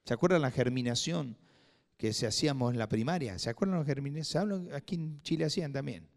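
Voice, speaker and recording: A man preaching a sermon in a church, swinging from loud emphatic bursts to hushed asides. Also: mid-range voice, lively intonation, fast. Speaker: pastor. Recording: long hall reverb.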